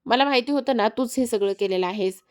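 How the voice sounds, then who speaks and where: A woman's voice: a little high, fast, natural voice. A woman narrator voicing a frightened, defiant young woman who pleads and protests in a retold serial scene. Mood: protesting.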